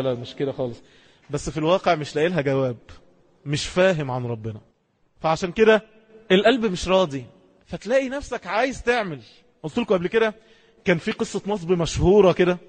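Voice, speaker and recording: Impassioned high-voiced Egyptian preacher. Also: male voice, very animated, big-room sound. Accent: Egyptian Arabic. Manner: impassioned, rapid storytelling with sudden emphatic rises. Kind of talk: Islamic sermon.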